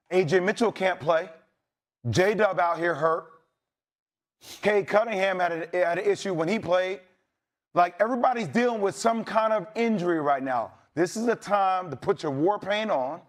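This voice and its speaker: Hyped sports analyst guy, high voice, rallying hard, no excuses energy. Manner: fired-up, emphatic, rallying. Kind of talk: heated sports debate.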